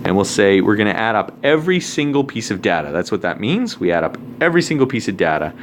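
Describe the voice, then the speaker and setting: A man's voice: lowish voice, big pitch swings, fast talker, a little hiss or hum. A man teaching a recorded math lesson, talking casually with joking asides while he writes out formulas.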